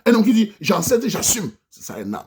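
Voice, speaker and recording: Speaking very fast with wildly swooping pitch, a man from Cameroon rants to his diaspora audience as a vlogger, exhorting and preaching directly to them. His high voice is a little mellow, his accent Cameroonian French, and there's slight background noise.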